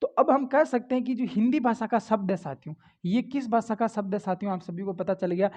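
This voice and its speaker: A man's voice: high-pitched, fairly quick, darkish tone. A man teaching a Hindi grammar class for exam prep. He keeps asking his students questions and then answering them himself. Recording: dull lo-fi audio.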